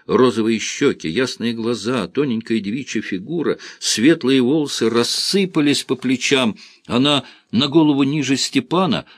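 A man narrating a story in a calm, measured way. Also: fairly low pitch, no echo, clean studio sound. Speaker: audiobook narrator. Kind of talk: scripted narration.

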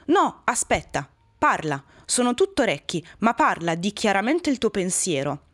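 A woman's voice: medium pitch, moderate pace. A woman voicing an agitated, blustering male grammar professor who bursts out indignantly in a storybook reading. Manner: excitable, indignant outbursts.

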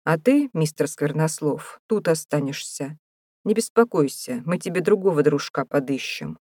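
A woman voicing a gruff, mocking male prison warder who bosses prisoners about in an audiobook. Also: low-pitched, expressive, moderate pace, a little mellow, no room sound, studio quality. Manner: rough, taunting, bossy.

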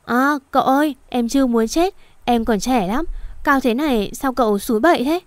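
Casting a woman doing a meek young servant girl, high, dry voice, pleading and anxious. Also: normal speed, darkish tone, no echo, natural voice. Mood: frightened. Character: timid devoted young female servant girl.

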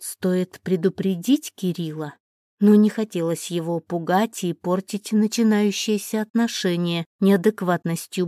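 A woman reading a first-person story aloud in a steady, measured way. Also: fairly low pitch, no room sound. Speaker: narrator. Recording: dry close recording.

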